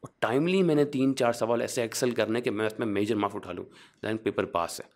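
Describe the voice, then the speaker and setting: A young man from Pakistan, a chartered accountant, talking in a relaxed interview and explaining things, often rephrasing as he goes. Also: mid-range voice, fast. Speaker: guest, qualified chartered accountant. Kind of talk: casual interview, mixing English phrases.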